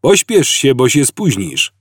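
A man voicing a gentle, melancholy old man who speaks softly and hesitantly. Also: mid-range voice, big pitch swings, a little slow, dry recording, clean studio sound, voice pushed up. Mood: mild, wistful. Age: over 60. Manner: soft-spoken, hesitant, mournful.

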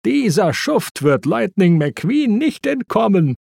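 A man voicing an eager, excitable racing car hero in a storybook, with a high, strained voice. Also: takes it slowly, creaky, no echo, studio quality, heavily acted. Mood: excited. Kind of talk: storybook reading.

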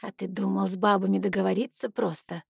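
A woman's voice: medium pitch, steady tone, brisk, creaky, warm tone, husky, no room sound. A woman voicing a grumpy, sarcastic male captain who mutters dry, sneering remarks. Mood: gloating.

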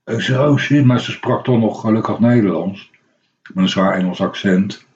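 Heard through dull lo-fi radio audio, this middle-aged host has a lowish, darkish voice and a moderate pace. He rambles through a long everyday anecdote in casual on-air chat, often hesitating and starting over.

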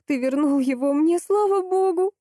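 A woman voicing a desperate young mother who pleads in a trembling voice that rises to shrill cries. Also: a little slow, warm tone, no echo, studio quality, natural voice. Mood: overjoyed.

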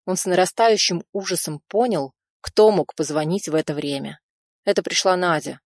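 A woman narrating an audiobook in an even, measured reading. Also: fairly low pitch, no echo, clean studio sound.

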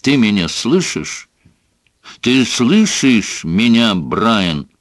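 A man voicing a furious, bullying middle-aged father in an audiobook, shouting and scornful. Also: fairly low pitch, big pitch swings, slow, dry recording, studio quality, pitched above the performer's own voice. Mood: enraged. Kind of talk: audiobook character voice.

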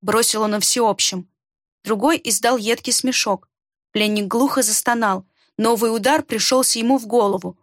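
A woman reading a fantasy story aloud in a steady, measured narration. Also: on the high side, dry recording, studio quality. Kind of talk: scripted audiobook narration.

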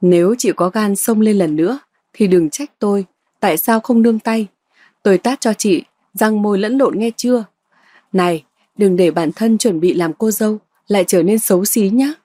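A bold young woman with a cutting, scornful tongue, read by a woman in a storybook. Her voice is dark and husky, recorded dry and close. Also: medium pitch, moderate pace, dry recording, lightly acted.

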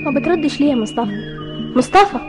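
Coaxing, worried young Egyptian woman, high-pitched, very rapid insistent delivery, radio drama. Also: expressive, music in the background. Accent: Egyptian Arabic. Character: affectionate young woman worried for her brother.

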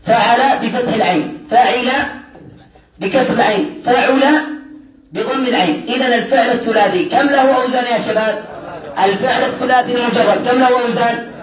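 A man's voice: very high voice, fairly quick, crowd noise. A man teaching a grammar class, lecturing and constantly quizzing his students to check they follow. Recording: echoey room, mic far off.

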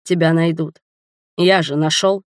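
A woman voicing a drowsy, teasing young male spy in an audiobook, speaking low-key and unhurried. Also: fairly even intonation, dry recording, studio quality. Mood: quiet.

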